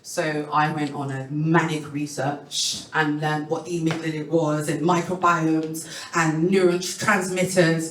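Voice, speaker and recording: A woman in her thirties, an event host, telling a personal story to an audience in a candid, animated way, acting out what people said. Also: low voice, unhurried, a little hiss or hum. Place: event venue room. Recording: echoey room, voice from far off.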